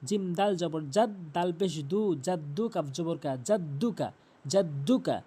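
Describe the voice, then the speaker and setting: A man teaching the correct pronunciation of a prayer, spelling out each sound letter by letter, then chanting the words slowly and drawn out. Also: high-pitched, dark tone. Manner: firm, instructive, repeats each word several times. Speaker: Quran recitation teacher. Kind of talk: step-by-step pronunciation lesson.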